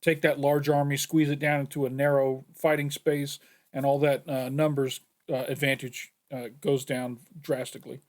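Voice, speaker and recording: A man hosting a reaction video, chatting casually and pausing often with fillers as he thinks aloud. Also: mid-range voice, level tone. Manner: chatty, with frequent fillers and hesitations.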